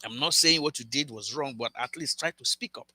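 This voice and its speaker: A man's voice: mid-range voice, brisk, bright, forceful tone. A man telling a cautionary love story to camera in an earnest, lecturing way, speaking straight to his viewers and often restarting his words. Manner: frequent restarts and repeated words. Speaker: vlogger giving relationship advice.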